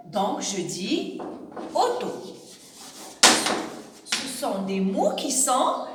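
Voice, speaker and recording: A woman teaching a primary school class, who explains slowly with examples and checks in with her pupils. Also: on the high side, recorded from a distance, slight background noise. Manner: slow, explains with examples and asks "D'accord?". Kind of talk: recorded classroom lesson. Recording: echoey room, voice from away from the mic.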